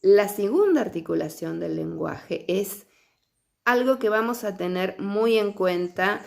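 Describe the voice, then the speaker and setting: A woman's voice: mid-range voice, lively intonation, a little slow, vocal fry. A middle-aged woman teacher, lecturing patiently on early literacy and often checking in with her listeners.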